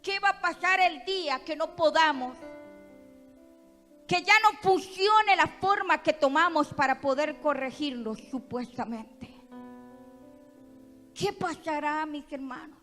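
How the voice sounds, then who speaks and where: A woman pastor with a Costa Rican accent, preaching a sermon in a church with impassioned, emphatic delivery that swells to loud peaks. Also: sits high, slow, long pauses. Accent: Costa Rican Spanish. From Costa Rica. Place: church hall. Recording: reverberant church hall with music.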